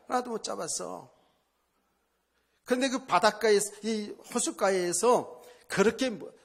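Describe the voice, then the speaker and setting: A man's voice: high voice, a bit bright. A male pastor preaching a sermon at a church service, in a conversational style, asking the congregation rhetorical questions and repeating phrases for emphasis.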